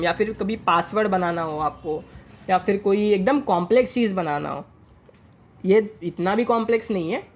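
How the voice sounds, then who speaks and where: A young man with an Indian English accent teaching a maths lesson, switching between Hindi and English and slowing down to dictate each working step. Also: high voice, slight background noise.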